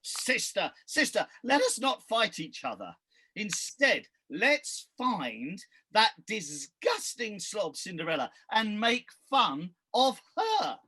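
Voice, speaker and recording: A woman plays a vain and bossy pantomime stepsister with a husky, forceful voice. She scolds and taunts haughtily, stretching her words out slowly for the crowd to boo. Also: mid-range voice, wildly swooping pitch, heavily acted. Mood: vain, sneering. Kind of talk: broad pantomime acting.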